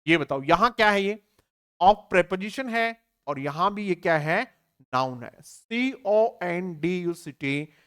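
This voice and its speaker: A man's voice: sits high, lively intonation, unhurried, a bit bright, clear, resonant tone. Male teacher quizzing his students. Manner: asks rhetorical questions and answers them himself; spells words out letter by letter. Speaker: English teacher. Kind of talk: online exam-prep lesson.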